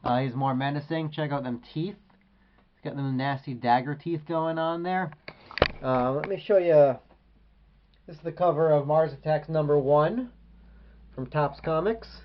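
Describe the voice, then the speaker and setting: Man reviewing a toy, rambling, hesitant, fairly high voice, dull lo-fi sound. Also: unhurried, pauses often. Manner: rambling, hesitant, many ums. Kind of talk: casual video review.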